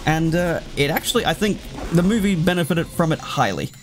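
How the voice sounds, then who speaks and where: Here a let's player rambles through casual commentary, talking to the game while he plays. His voice is a little high and animated, his pace slightly quick, and the background is noisy with loud game music.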